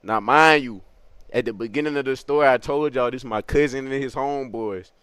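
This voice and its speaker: A young man telling a funny story in a casual, animated, slangy way, acting out other people's lines in a high voice. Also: a little fast, clean tone, no room sound. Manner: animated slangy street storytelling, laughing, acts out quotes in a high voice.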